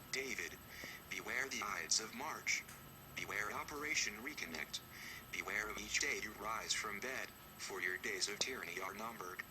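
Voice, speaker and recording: Disguised deep male voice, cold and accusing. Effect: disguised deep synthetic-sounding voice. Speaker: anonymous spokesman. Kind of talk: scripted recorded statement. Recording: noisy recording.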